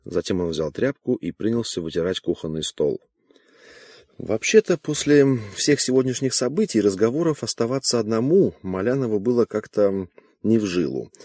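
Low-voiced man narrating an audiobook. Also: lively intonation, normal speed, mellow, no room sound, clean studio sound.

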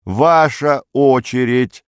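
A man's voice: fairly low pitch, big pitch swings, slow, no room sound, studio quality, exaggerated voice. A man voicing a stern, bossy female secretary who talks in a raised, curt, commanding way in an audiobook.

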